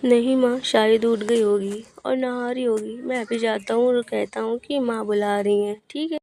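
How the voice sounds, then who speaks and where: A woman voicing a young husband, lower-pitched. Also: steady tone, normal speed, creaky, warm tone, a little hiss or hum. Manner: urgent, coaxing. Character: young husband, hurried and urging.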